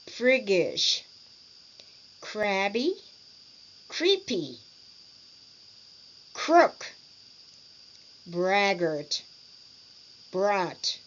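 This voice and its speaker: A woman teaching speech and swallowing exercises, over-articulating practice words and clearing her throat often. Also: medium pitch, lo-fi sound, a little hiss or hum. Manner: deliberate, over-articulated word drills with frequent throat clearing. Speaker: speech therapy instructor. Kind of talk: slow instructional walkthrough.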